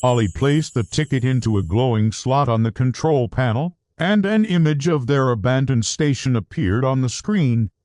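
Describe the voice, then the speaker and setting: A man reads a children's adventure tale aloud, his pitch climbing and falling with animated storybook energy. His voice sits at an ordinary middle pitch. The recording is close and dry, with no room sound. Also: normal speed, few pauses, dry recording. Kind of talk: scripted children's story narration.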